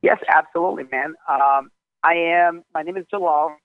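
His pitch is fairly high and his intonation fairly even, moving at a moderate pace with a clean tone and no room sound. This twenty-something man from Jordan tells his story as an interview guest, speaking candidly, emphatically, and with plenty of swearing over a tinny phone line.

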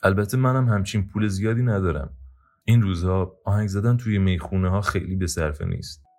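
A man's voice: low voice, darkish tone, faint music behind, voice pushed up. A man voicing a resentful male ex-drummer who talks in an angry, sarcastic, complaining way. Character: bitter resentful male ex-drummer, middle-aged.

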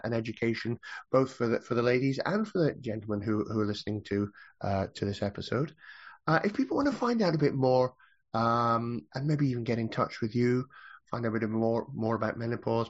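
A man's voice: medium pitch, dull audio. A man hosting a podcast interview, friendly and a little hesitant, often repeating words. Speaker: podcast host.

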